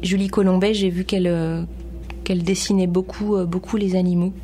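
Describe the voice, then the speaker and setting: A woman presenting children's books on a radio show, talking gently with many hesitations and reading a bedtime story aloud. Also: lowish voice, little pitch movement, a little fast, a little hiss or hum. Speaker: children's book reviewer on radio. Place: radio studio.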